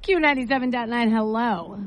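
A woman hosting a morning radio show, chatting casually in an animated, informal way with a co-host and callers. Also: on the high side, a little fast. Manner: animated, informal, terms of endearment. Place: radio studio. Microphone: close studio microphone. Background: faint music.

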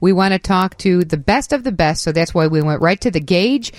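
A woman's voice: fairly low pitch, animated, brisk, no room sound. An American woman hosting a casual radio interview in a studio, with an enthusiastic manner. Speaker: radio host.

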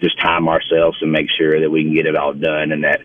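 A man's voice: extremely low pitch, completely flat delivery, brisk, slight background noise. A man with a Mississippi accent talking casually as a chef being interviewed, in a folksy, rambling, conversational way. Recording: thin phone-like line, distant from mic.

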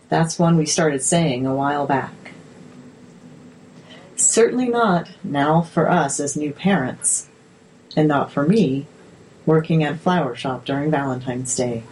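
A woman narrator reads articles aloud at a slow, measured pace. Her voice sits low and has a husky, breathy grain. The delivery stays steady and even throughout. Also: poor audio.

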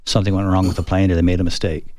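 An older man, a retired Air Force fighter pilot, telling stories in an interview with a reflective, halting manner full of restarts. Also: deep voice, little pitch movement, darkish tone, no echo, clean studio sound. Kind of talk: conversational interview storytelling.

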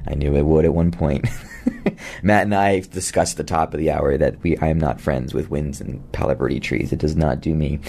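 A radio talk host with a very low, gravelly voice speaks to his listeners in a loose, easygoing way. He fills gaps with ums and uhs and reads out phone numbers as he goes. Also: moderate pace, a little hiss or hum. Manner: relaxed, many fillers, reads out numbers.

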